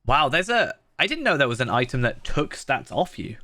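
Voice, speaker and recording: A slightly nasal man, stuffed up, chats his way through a game on a live stream, thinking aloud and restarting often amid many fillers. His medium-pitched voice is very animated and sharp at a moderate pace, captured dry in studio quality.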